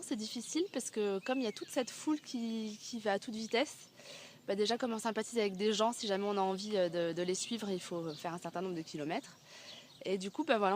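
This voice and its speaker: A woman talking to camera outdoors at daybreak in a casual video diary, reflective and halting with many fillers, nursing a sore throat. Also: mid-range voice, a little hiss or hum. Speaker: vlogger walking a pilgrimage route.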